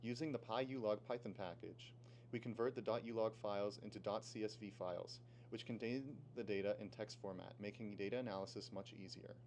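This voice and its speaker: Fast-talking teenage boy presenter. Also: on the low side, slight background noise. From Pennsylvania. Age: teens. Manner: steady, read-aloud explaining. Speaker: student presenter. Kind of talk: scripted project presentation.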